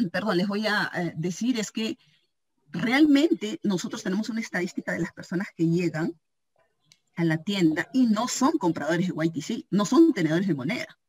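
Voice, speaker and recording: A woman giving an informal training talk on a video call, telling lively anecdotes and acting out the voices of the people in them. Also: medium pitch, moderate pace, slightly rough. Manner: animated storytelling, acting out quoted voices, frequent "¿sí?" check-ins. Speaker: cooperative store member giving a training talk.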